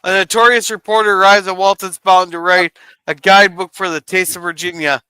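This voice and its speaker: Male stream host, loose and chatty, smooth clear voice, dry sound. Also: high voice, level tone, fairly quick, bright, forceful tone, no room sound, poor audio. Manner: loose and chatty, reads out viewer comments. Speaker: podcast host. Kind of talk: casual live-stream chat.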